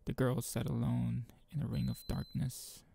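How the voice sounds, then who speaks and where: A man giving a casual let's play of a visual novel, reading text aloud and rambling as he thinks out loud. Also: medium pitch, level tone, moderate pace, gravelly, slightly rough, dry recording. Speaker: gaming video host.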